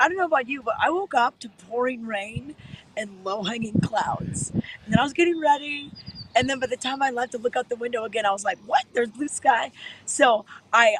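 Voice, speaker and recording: A woman's voice: on the high side, a little hiss or hum, low-quality recording. A woman hosting a local morning show, cheerful and chatty, reporting from outdoors. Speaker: field host. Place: outdoors at a mountain resort.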